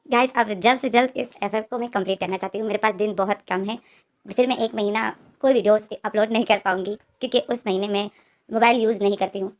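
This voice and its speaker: A woman's voice: mid-range voice, fairly even intonation, quick pace. Chatty woman narrating a story. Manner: chatty, repetitive linking words. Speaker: story explainer.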